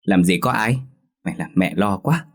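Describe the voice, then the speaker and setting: A man's voice: low-pitched, moderate pace. A man voicing a stern old grandmother who scolds her husband, in a firm tone.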